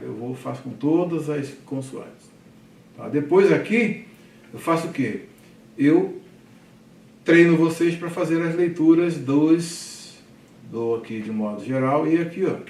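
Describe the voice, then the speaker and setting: A man teaches a Hebrew reading lesson, explaining step by step and often checking in with his students. He sounds set back from the microphone in a roomy space with a faint hum behind him. He drills syllables slowly and loudly. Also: mid-range voice, recorded from a distance. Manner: explains patiently, checks in with frequent "tá?" and "né?". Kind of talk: recorded language lesson. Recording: roomy echo, voice off-mic, faint background hum.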